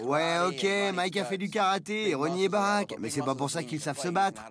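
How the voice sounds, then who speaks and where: Un homme qui commente une bagarre sur un ton familier et moqueur. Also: male voice, fairly high pitch. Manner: casual, mocking. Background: crowd.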